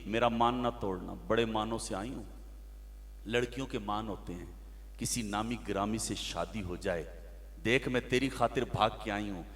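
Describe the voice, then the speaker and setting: A man's voice: on the low side, moderate pace, fairly bright tone, long reverb tail, slight background noise. A male preacher voicing a desperate young woman who is pleading, secretly a spy, in an earnest tone.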